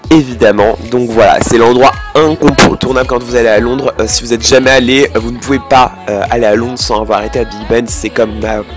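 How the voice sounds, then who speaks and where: A French teenage boy talks through his travel footage in a loose, chatty voice-over. His pitch sits in an ordinary middle range, and he keeps stopping to restart his sentences. Faint music plays softly behind him. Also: steady tone, a little fast, hardly any pauses. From France. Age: teens. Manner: chatty, many fillers and restarts. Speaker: travel vlogger. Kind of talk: casual travel vlog voice-over.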